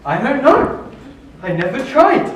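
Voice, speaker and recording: A woman's voice: high voice, very animated, measured pace. Woman acting a naive scarecrow in an echoey hall. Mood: innocent, puzzled. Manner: innocent, puzzled. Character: naive, friendly, newly made straw scarecrow. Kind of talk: theatrical stage play acting. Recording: very echoey hall, distant mic, faint noise.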